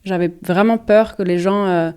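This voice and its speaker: A French woman co-hosting a podcast, chatting casually, often pausing to search for words and laughing easily. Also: medium pitch, steady tone, mellow, smooth. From France. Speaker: podcast co-host. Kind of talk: casual chat.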